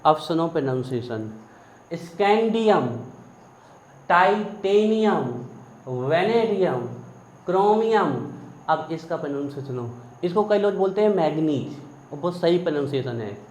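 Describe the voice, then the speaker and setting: A man's voice: on the high side, animated, fairly quick, dark tone. A man teaching chemistry in a classroom lecture, chanting mnemonic lists in a sing-song rhythm. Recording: echoey room, dull lo-fi sound, faint hiss.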